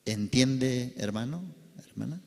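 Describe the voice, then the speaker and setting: A man preaching a sermon, telling a parable dramatically, with sudden loud outbursts and quiet drops. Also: mid-range voice, slow, vocal fry, long reverb tail. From Bolivia. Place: church service.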